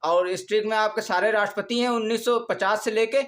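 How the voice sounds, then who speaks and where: A man's voice: sits high, steady tone, brisk, fairly bright tone. A male exam coaching teacher, giving a lesson and repeating each phrase over and over. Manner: repetitive, drills phrases over and over. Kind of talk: classroom lesson.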